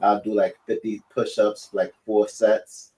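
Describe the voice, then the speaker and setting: A man's voice: lowish voice, little pitch movement, unhurried, a little mellow, rough recording. A man, rambling through casual slangy chat and often checking in with the listener. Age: late 30s.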